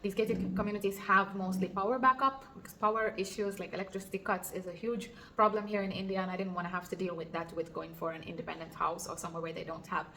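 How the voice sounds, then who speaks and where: A woman's voice: medium pitch, level tone, quick pace, hardly any pauses, pushed and bright, a little hiss or hum. A woman in her thirties from Finland, chatting earnestly to camera in an apartment, with fillers. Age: 30s. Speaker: vlogger and Airbnb host. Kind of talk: casual vlog talk to camera. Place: apartment indoors.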